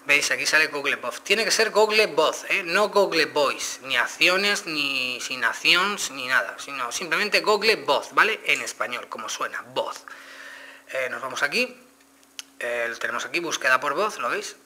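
A man with a Spain Spanish accent walks viewers through a phone demo in a relaxed, explanatory way. His voice is very bright and sharp, with a faint hiss behind it. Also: medium pitch, moderate pace. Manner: explanatory, addresses viewers directly. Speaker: phone reviewer. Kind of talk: casual product demo.

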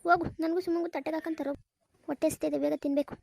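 A bossy, scolding mother-in-law from a cartoon, voiced by a woman. She nags in a very high voice at a breakneck pace. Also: level tone, rapid-fire, vocal fry, a little mellow, a little hiss or hum. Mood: demanding. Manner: scolding, nagging.

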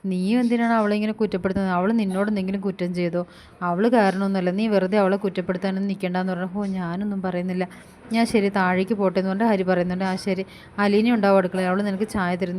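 A woman quickly retelling a TV serial episode, quoting each character's lines in turn with frequent fillers. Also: medium pitch, a little mellow. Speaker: serial review vlogger.

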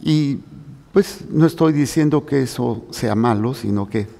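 A male priest reads scripture and preaches at a deliberate, unhurried pace, every phrase solemn and measured. His mid-pitched voice carries a long, ringing church reverb. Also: creaky, dark tone. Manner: slow, solemn, measured delivery. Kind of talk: liturgical Gospel reading and homily. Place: church during Mass.

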